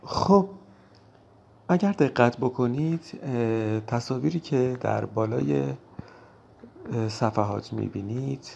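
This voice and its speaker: Man, language teacher, gravelly, mid-pitched, slow repeated pronunciation drill. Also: a little mellow. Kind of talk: vocabulary lesson.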